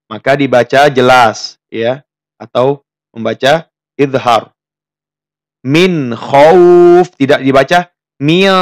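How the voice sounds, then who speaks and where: A man from Indonesia teaching a tajwid lesson, explaining rules plainly and tagging his sentences with a questioning "ya". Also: mid-range voice. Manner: plain explanations, then slow drawn-out chanted recitation of the example verses; often tags sentences with "ya". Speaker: Quran recitation teacher.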